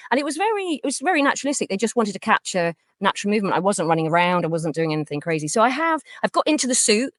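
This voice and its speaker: A woman's voice: fairly low pitch, no room sound, clean studio sound. A woman with a North Welsh accent talks casually in an interview as a voice actor, thinking aloud as she goes. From North Wales.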